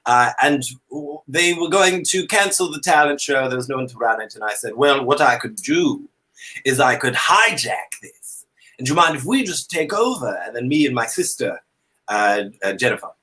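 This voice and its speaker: A man from Canada, a drag comedy performer, guests on a talk show through a video call from home, hamming it up as a flamboyant dandy with halting phrasing. His voice is mid-range, animated and sharp at a normal speed, and the audio is rough.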